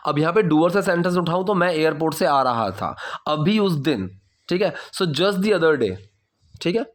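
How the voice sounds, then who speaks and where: A man with an Indian accent explaining English in a casual lesson, saying example sentences slowly and checking in with his listeners often. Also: fairly high pitch, lively intonation. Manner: slow, careful model phrases; checks in often with "theek hai?". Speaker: English teacher.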